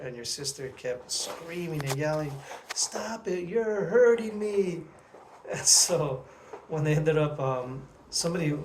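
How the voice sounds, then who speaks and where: A middle-aged father answering questions in a casual family interview and telling old stories with small chuckles. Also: mid-range voice. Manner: relaxed storytelling with chuckles. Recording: faint background noise with clicks.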